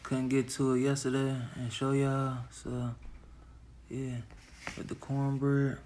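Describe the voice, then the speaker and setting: A man's voice: mid-range voice, monotone, slow, a little mellow. A man talking casually and informally as he reviews food, eating and savoring as he goes. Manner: informal, savoring with frequent appreciative mm sounds. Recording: roomy, echoey, clearly noisy home recording.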